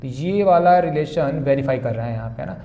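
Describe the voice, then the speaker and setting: A man's voice: on the high side, animated, a little fast, warm tone, slight background noise. A young male maths teacher solving board-exam problems, calling students "beta" and "bhaiya" and asking and answering his own questions. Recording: echoey room.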